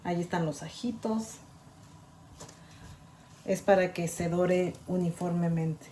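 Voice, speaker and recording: Mexican woman, cooking host, casual and talkative, lowish voice, faint background noise. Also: slow pace, echoey room. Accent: Mexican Spanish. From Mexico, Guadalajara. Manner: chatty, stubborn, keeps asking "¿ok?". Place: home kitchen.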